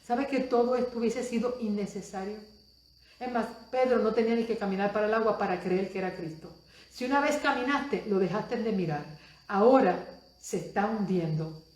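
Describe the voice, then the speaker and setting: A woman preacher delivering a Spanish-language sermon, moving between soft asides and loud exclamations and asking the audience many questions. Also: medium pitch, moderate pace, reverberant.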